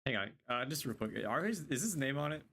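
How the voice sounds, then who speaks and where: A man's voice: mid-range voice, lively intonation, fast, sharp tone. A man bantering casually as a player in a tabletop game, joking and swearing freely.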